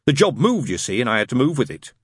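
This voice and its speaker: A mild, polite father as a man narrating puts him on. He sounds puzzled and unsure of himself, bumbling along with lifts in pitch. It is a storybook character in a dry recording. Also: very animated, quick pace, husky, no room sound. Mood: mildly puzzled. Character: mild, hesitant, puzzled English father, an accountant.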